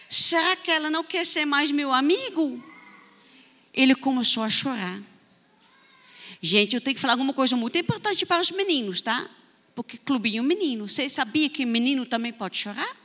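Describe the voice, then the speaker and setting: Animated woman telling children a story. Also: high-pitched, in a large hall. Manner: animated, sing-song, addressing children. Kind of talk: children's story told at church. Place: church hall.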